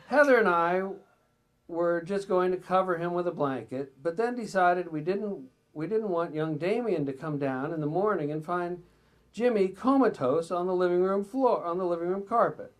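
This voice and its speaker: Reading aloud from a memoir at a live bookstore event, this man speaks at a moderate pace with lively intonation and a high-sitting voice. He occasionally stumbles and drifts out of the text into asides.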